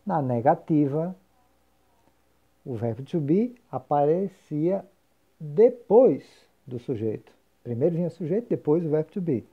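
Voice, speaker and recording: A man's voice: fairly high pitch, very animated, a little slow, breathy edge. A man teaching English grammar, explaining patiently and repeating example phrases. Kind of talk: recorded grammar lesson. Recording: dull lo-fi recording.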